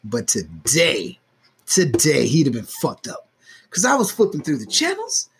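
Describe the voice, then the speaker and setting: In a casual podcast conversation, a male co-host tells stories animatedly, swears without restraint, and acts out what people said. His voice sits fairly high and sounds gravelly and husky, with an unhurried pace.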